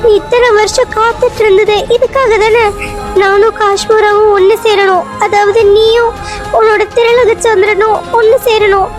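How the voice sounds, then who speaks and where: A woman's voice: very high-pitched, steady tone, normal speed, music in the background. A woman voicing an urgent young cartoon heroine. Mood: pleading. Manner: urgent, repeated pleading. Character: earnest young woman calling a spirit. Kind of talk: cartoon serial voice acting.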